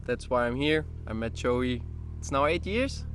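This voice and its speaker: A man introducing himself to a travel group in a relaxed, easygoing way. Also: medium pitch, measured pace, a little hiss or hum.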